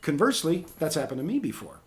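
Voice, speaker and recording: A man's voice: fairly high pitch, fast talker. A man hosting a casual talk show, telling voice-acting stories and acting out the quotes. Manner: animated storyteller, acts out quotes. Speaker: podcast host and voice actor. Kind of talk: casual chat.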